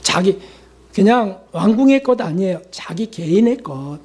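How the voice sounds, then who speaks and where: With a voice that sits high and sounds a little mellow, this preacher speaks animatedly at a measured pace. His sermon includes acted-out prayers and quotes, along with rhetorical questions aimed at the congregation.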